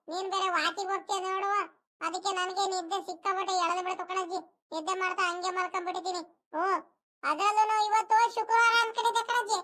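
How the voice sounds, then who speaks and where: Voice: very high voice, bright, forceful tone. A performer doing a whiny cartoon schoolboy. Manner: whiny complaining rural speech. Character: whiny sulking village schoolboy. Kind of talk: animated cartoon voice acting.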